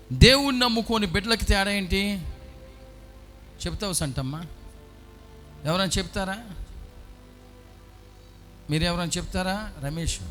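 A priest delivers a sermon, his fairly high voice leaping about with great animation. Faint music plays underneath. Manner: preaching with lively swings from hushed to loud, acting out parents. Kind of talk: Telugu sermon at a healing retreat.

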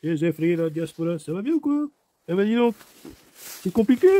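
Tired, high-voiced man rambling outdoors. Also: very animated, moderate pace, warm tone. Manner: rambling, chatty, talks to himself and his animals. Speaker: vlogger doing garden DIY. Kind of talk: casual self-narrated vlog. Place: outdoors in a garden. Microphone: head-mounted camera.

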